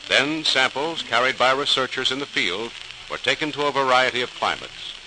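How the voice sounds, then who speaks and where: A man serves as announcer for a scripted 1940s radio programme, narrating in a formal, dramatic, declamatory style. His mid-range voice is animated and moves at normal speed, captured on a noisy old radio transcription recording.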